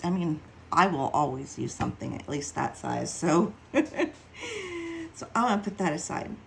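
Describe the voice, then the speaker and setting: Low gravelly-voiced woman showing crafts. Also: animated, a little fast, a little hiss or hum, poor audio. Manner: chatty, self-mocking, thinks aloud while working. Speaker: card-making demonstrator. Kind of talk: casual craft tutorial.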